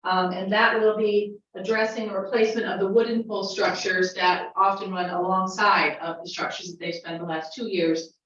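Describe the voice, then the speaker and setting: A woman who is a county official, giving a measured report at a formal board meeting with many pauses and fillers. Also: mid-range voice, fairly bright tone, slight background noise. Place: county legislature meeting room. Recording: dull, echoey chamber audio from a distant mic.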